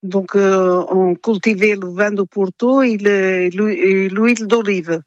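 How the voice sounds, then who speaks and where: Retired Portuguese-accented woman, slow, hesitant; dry, slightly muffled audio. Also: mid-range voice, steady tone, no room sound. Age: older. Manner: halting, many restarts and fillers. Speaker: interviewee. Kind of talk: radio interview.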